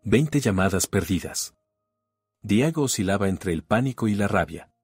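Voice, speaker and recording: A man giving a scripted narration of a domestic drama story in an even, measured reading. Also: on the low side, breathy edge, dry recording, clean studio sound, soft background music.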